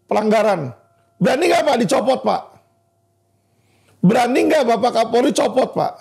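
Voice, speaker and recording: A heated male lawyer delivers impassioned commentary straight at an official, punctuating nearly every sentence with a pointed "Pak." His voice sits high for a man and carries a heavy gravelly fry. The phrasing leans toward speech. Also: expressive, normal speed, darkish tone. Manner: heated, repeatedly addressing "Pak" directly. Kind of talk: impassioned legal commentary video.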